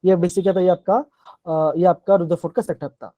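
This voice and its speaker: Man teaching class, mellow dry voice. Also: sits high, fairly even intonation, a little fast, no room sound. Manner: asks and repeats questions. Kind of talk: live online class.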